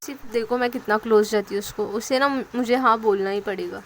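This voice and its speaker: A woman narrating a love story, voicing the characters' lines with lively energy. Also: fairly high pitch, brisk, a little hiss or hum, rough recording.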